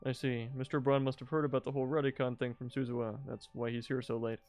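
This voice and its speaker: A man's voice: mid-range voice, level tone, fast, a little mellow, faint music behind. A man hosting a let's play, reading visual novel narration aloud and adding joking commentary.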